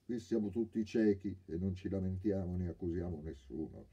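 A man's voice: low-pitched, normal speed, warm tone, breathy edge, lo-fi sound, voice pushed up. A man reading a stern scolding doctor. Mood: exasperated. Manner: scolding, firm. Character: male doctor, stern and exasperated.

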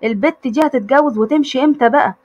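A woman's voice: high voice, fast, muffled recording, voice pushed up. A woman voicing a joking man of about thirty in an Egyptian accent. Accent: Egyptian Arabic. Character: man around thirty, joking twin brother.

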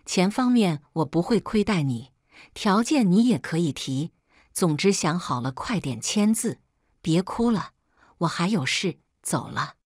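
A woman's voice: on the low side, animated, measured pace, darkish tone, no room sound, studio quality. A woman voicing a cheating middle-aged husband who speaks in a curt, businesslike, impatient way. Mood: cold, impatient.

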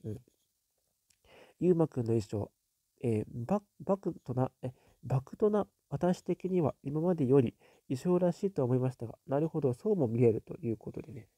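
Guy on a chill livestream reading out comments, deep mellow tone, super dry mic. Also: animated, moderate pace, no echo. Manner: reads viewer comments aloud, then muses with soft "un" fillers. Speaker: host reading viewer comments. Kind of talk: casual live-stream chat.

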